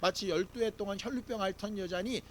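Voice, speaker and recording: A man's voice: sits high, fairly quick, a little hiss or hum. A man preaching a Sunday sermon as pastor, talking in a conversational way with rhetorical questions and leading the congregation in reading scripture aloud.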